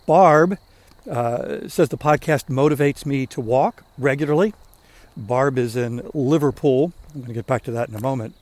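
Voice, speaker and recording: Older man, mid-pitched, relaxed and rambling, hosting a podcast on a walk. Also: moderate pace, no room sound. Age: 60s. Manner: chatty, rambling storyteller. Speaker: podcast host. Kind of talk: casual talk while walking. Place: outdoors on a walk.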